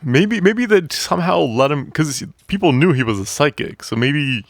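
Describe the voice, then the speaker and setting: A man's voice: on the high side, animated, moderate pace, dry recording. A man as a podcast guest, chatting casually about a film and mostly answering with short agreeing replies.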